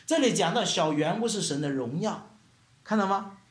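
A man preaching a sermon as pastor, animated, firing rhetorical questions at the congregation and mimicking murmuring sounds. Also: high voice, moderate pace, reverberant.

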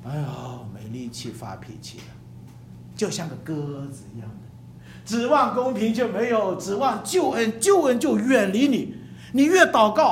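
A preacher giving a sermon to a congregation, emphatic and animated, acting out examples and repeating phrases for emphasis. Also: medium pitch. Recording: echoey room with faint hum.

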